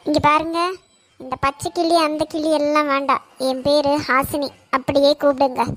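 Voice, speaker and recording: A woman voicing a hot-headed college girl in a cartoon, accusing and shouting. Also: high voice, little pitch movement, moderate pace. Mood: furious. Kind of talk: Tamil cartoon voice acting.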